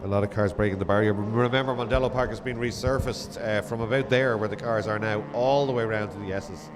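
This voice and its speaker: A man's voice: lowish voice, fairly even intonation, fast talker. A man giving live motorsport commentary, tracking race positions with hesitant, self-correcting asides. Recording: loud car engine and trackside noise. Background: racing cars and outdoor track noise.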